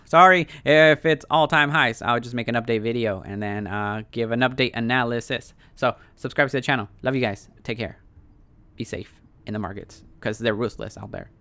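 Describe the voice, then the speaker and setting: A man giving casual, off-the-cuff trading commentary in slangy, excitable crypto-bro talk, often repeating phrases for emphasis. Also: medium pitch, dry recording. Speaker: stock trading YouTuber.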